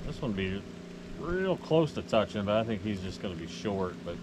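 A middle-aged American angler who fishes tournaments and vlogs talks casually and folksily to viewers from a small boat on a lake, rambling as he fishes. His voice is on the low side and sing-song, at normal speed, with heavy ambient noise on the outdoor action-camera recording.

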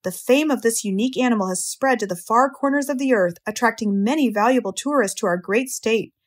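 A woman's voice: fairly high pitch, brisk, close to an everyday voice. A woman voicing a pompous, grandiose fairground announcer making formal proclamations in a storybook. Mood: pompous, proud. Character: pompous fairground announcer booming over a loudspeaker.

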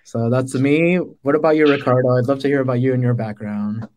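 A man's voice: medium pitch, steady tone, brisk, a little mellow, slight background noise. A man in his thirties from the Dominican Republic, a product manager on a video-call panel, talking casually with lots of "like" and "right?". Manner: conversational, fillers like "right?" and "like". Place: small room indoors. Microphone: laptop webcam mic on a video call.

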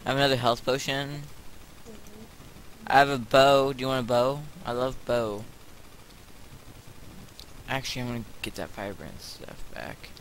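A man's voice: medium pitch, moderate pace, pauses often, a bit bright, a little hiss or hum, low-quality recording. A young man joking around with a friend while playing an online game. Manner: joking, easily distracted. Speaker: gamer. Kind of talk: casual game chat.

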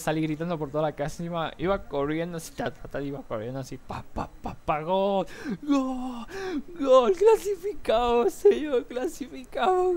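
A young man with an Argentine accent chatting casually to his viewers from home, telling stories with sound effects on a cheap mic. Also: fairly high pitch. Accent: Argentine Spanish. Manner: excitable storyteller, mimics noises and shouts. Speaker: gaming vlogger. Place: room at home with a fan running. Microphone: cheap desktop mic. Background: faint fan hum.

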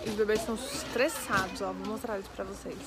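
A woman's voice: mid-range voice, fairly even intonation, fast talker, over a noisy crowd. A young woman with a Brazilian Portuguese accent, a mother of twins chatting cheerfully to her viewers while caring for her babies. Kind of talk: casual vlog chat to viewers. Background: loud background music.

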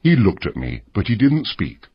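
A man reads a story for English learners in a very husky, fairly low voice. His pitch swings widely as he reads, measured and expressive. The sound is dry and slightly muffled. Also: dry recording. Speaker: narrator.

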